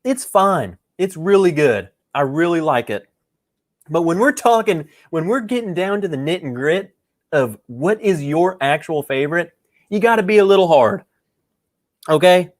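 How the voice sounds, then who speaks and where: A man's voice: fairly high pitch, sing-song, normal speed. Chatty man hosting a whiskey livestream. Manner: joking, rambling, chatty with viewers. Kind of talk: casual livestream tasting chat.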